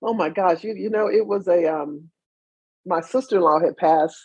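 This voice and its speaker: A woman's voice: lowish voice, normal speed, dull audio. A woman, the mother of a basketball player, earnestly telling a story in an interview. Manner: earnest, reflective, animated retelling.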